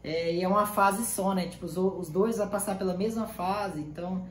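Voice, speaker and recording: A young Brazilian man casually explaining his point of view in a relaxed way, with many fillers. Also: high voice, a little fast. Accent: Brazilian Portuguese. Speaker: vlogger. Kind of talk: casual chat. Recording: roomy home video with faint noise.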